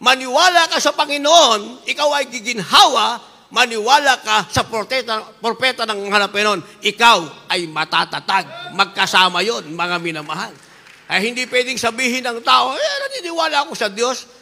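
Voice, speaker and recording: A woman's voice: on the high side, moderate pace, pushed and bright, in a large hall. A woman preacher giving an impassioned sermon, fervent and repetitive, slipping between languages. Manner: fervent, repeats "beloved" refrain, switches into English.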